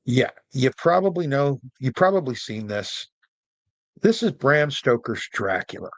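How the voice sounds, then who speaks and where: This storyteller and host speaks a little slowly at medium pitch, his voice swinging widely, with no room sound. He delivers a chatty, casual explainer monologue peppered with rambling jokes.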